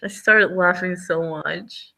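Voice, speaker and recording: A woman's voice: on the low side, steady tone, slow, vocal fry, sharp tone. A woman hosting a live online book discussion, chatting casually and rambling with lots of "like.". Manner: chatty, rambling, says "like" a lot. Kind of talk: casual chat.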